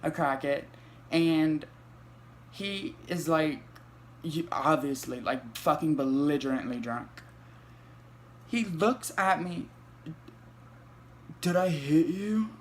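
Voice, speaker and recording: A young man, telling a storytime vlog in an animated, profane way full of fillers. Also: a little high, slow, long pauses, a little hiss or hum. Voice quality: light voice. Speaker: vlogger.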